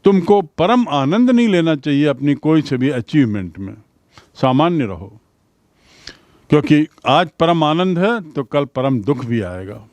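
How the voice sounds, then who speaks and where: Teacher explaining English words in Hindi. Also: male voice, fairly high pitch, lively intonation, darkish tone, dry recording. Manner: says English example sentences slowly, then explains in Hindi. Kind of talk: vocabulary lesson mixing Hindi and English.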